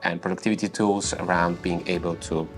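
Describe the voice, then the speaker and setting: A man from Bulgaria, in his thirties, answering interview questions about his work in a measured way with frequent pauses. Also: low voice, steady tone, soft background music. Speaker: company founder and YouTuber. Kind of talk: interview answers and direct-to-camera talk.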